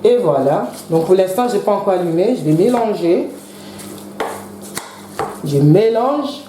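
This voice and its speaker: A woman hosting her own cooking channel, explaining a recipe step by step in a chatty way and pausing now and then to search for words. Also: mid-range voice, expressive. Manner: chatty, explains each step with gentle asides. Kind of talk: casual cooking tutorial. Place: home kitchen. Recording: echoey kitchen with faint background noise.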